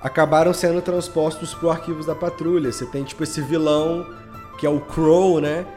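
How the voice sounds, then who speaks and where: Speaking at normal speed, this Belo Horizonte man has a fairly high, darkish voice with little pitch movement and a Minas Gerais Brazilian accent. He creates audio drama podcasts and, as a guest here, tells slangy anecdotes in casual chat over background music.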